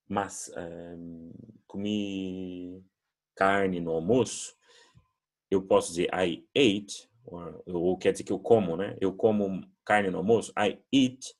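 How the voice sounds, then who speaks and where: A Brazilian man teaching an English lesson, patiently explaining words and modelling pronunciation drills. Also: sits low. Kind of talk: recorded classroom lesson.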